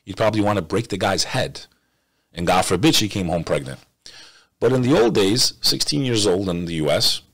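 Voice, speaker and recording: A man's voice: lowish voice, a bit bright, no echo. A man from the United States giving emphatic reaction commentary, often repeating phrases for stress.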